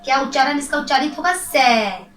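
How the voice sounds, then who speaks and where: A woman teaching a children's grammar lesson, drawing out syllables slowly and answering her own questions. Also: high-pitched, bright, forceful tone, echoey room, faint music behind, low-quality recording.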